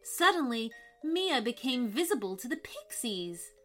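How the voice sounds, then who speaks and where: A woman narrating a scripted children's story in an expressive, dramatic way. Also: on the high side, measured pace. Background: background music.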